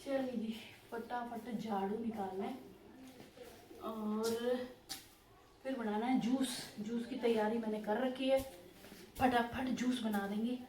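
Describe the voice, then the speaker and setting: A woman's voice: a little high, fairly even intonation, slow pace, pauses often, mellow, slight background noise. A woman casually narrating her home vlog, passing on her family's conversation to her viewers. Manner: chatty, relays family talk to viewers. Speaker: home vlogger. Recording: distant echoey room.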